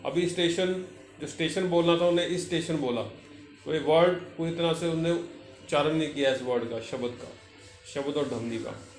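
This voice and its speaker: A male vocational teacher explains a textbook lesson, reading English lines slowly and then explaining them. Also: on the high side, soft background music. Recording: echoey room with faint noise.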